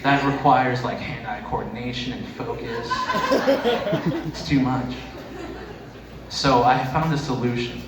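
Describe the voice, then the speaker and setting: A man's voice: mid-range voice, steady tone, a little slow, pauses often, crowd noise. A man performing a stand-up comedy set in a conversational, profane way. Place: echoey room with live audience. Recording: echoey noisy room, distant mic.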